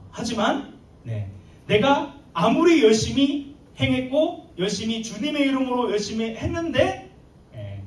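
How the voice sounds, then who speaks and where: A man with a high, animated voice preaching to teenagers, swinging his pitch up and down as he acts out scenes. He sounds a little distant from the mic, and the church hall around him is echoey. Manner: lively, plays out dialogue with comic asides. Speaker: youth pastor. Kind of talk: sermon.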